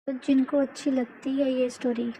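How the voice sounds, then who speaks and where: A woman's voice: sits high, little pitch movement, normal speed, dark tone, a little hiss or hum, rough recording. A woman storyteller talking casually to her viewers in a plain-spoken, complaining way. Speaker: storyteller and fan dubber.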